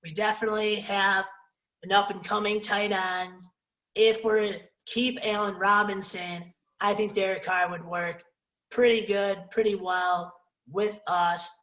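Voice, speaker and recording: A man's voice: high-pitched, little pitch movement, a little slow, a bit bright, roomy sound, poor audio. A man co-hosting a podcast who chats casually about sports, leads the talk and moves it along to new topics. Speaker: podcast co-host.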